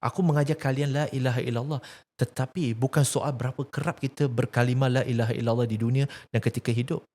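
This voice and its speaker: This religious activist, a Malaysian-accented man, has a mid-range, slightly mellow voice with fairly even intonation and a quick pace. Preaching emphatically, he discusses faith in earnest, asks rhetorical questions, and recounts a teaching story.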